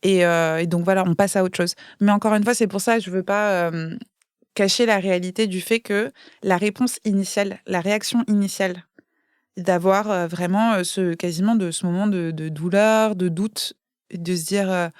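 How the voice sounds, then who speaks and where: Recorded in a clean studio with no room sound, a woman from France, appearing as a guest author, mulls over her ideas during a relaxed podcast chat. Her mid-range voice is clear and resonant, steady in tone and at a normal speed, and she's thoughtful, often pausing with fillers and starting over.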